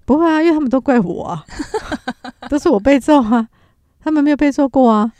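A woman's voice: high-pitched, fairly quick, dark tone, no room sound. A woman co-hosting a podcast, telling stories in a playful, mock-innocent way. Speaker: podcast co-host. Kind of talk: casual storytelling chat.

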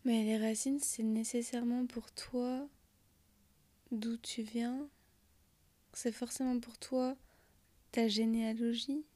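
Woman host, higher voice, talks slow, soft almost whispery questions. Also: little pitch movement, no echo. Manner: gentle probing questions, often half-whispered. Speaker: podcast host. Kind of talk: intimate conversation.

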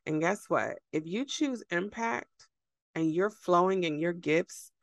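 A woman's voice: lowish voice, unhurried, no echo. A woman hosting a podcast, giving an emphatic, preachy motivational talk straight to her listeners, repeating phrases for effect and laughing often. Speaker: podcast host.

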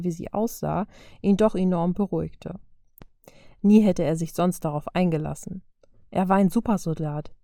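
Woman, story reader, calm and even, low voice, mellow tone, dry close recording. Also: no room sound. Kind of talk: reading fan fiction aloud.

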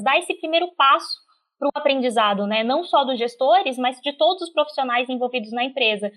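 High-voiced woman moderator, smoothly links topics and asks the next guest. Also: fairly bright tone. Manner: bridging, poses long questions. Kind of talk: moderating a panel.

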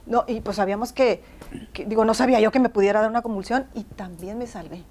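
Woman, animated storyteller, acts out voices, laughs often, slightly high voice. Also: fast. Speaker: guest telling her story. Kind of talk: casual conversation.

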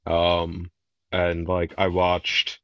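A man co-hosting a casual soccer podcast, speaking slowly and hesitantly on a dull lo-fi mic. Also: deep voice, completely flat delivery, fairly bright tone, clear, resonant tone, no echo. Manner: slow, hesitant, recalling old trips. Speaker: podcast co-host.

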